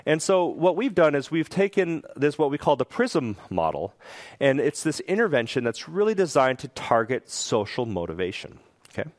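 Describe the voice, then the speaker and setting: A man giving a public talk, explaining step by step and checking in with "okay?", now and then acting out parents and children in a sudden high voice. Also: big pitch swings, normal speed, no echo. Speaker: speaker giving a research talk.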